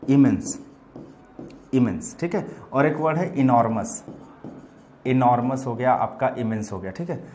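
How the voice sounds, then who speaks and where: A vocabulary teacher explains English words in Hindi in a medium-pitched, slightly mellow voice, calling his students "bachche" and saying "theek hai" over and over. In this classroom lesson he stretches out words and example sentences slowly.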